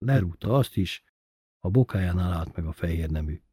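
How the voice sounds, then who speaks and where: A man reading a first-person story aloud in a plain, even storytelling manner. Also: sits low, breathy edge, no room sound, clean studio sound. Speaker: narrator.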